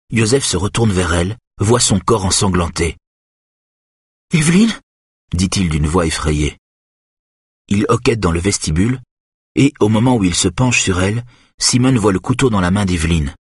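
Male narrator, husky, lowish voice, dry studio sound, steady thriller reading. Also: no echo. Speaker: audiobook narrator.

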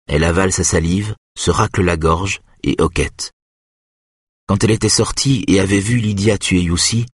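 A man with a very low, husky voice reads a dark story aloud at a steady, measured pace. The sound is dry and close, with no room around it. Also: no room sound. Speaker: narrator. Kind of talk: audiobook narration.

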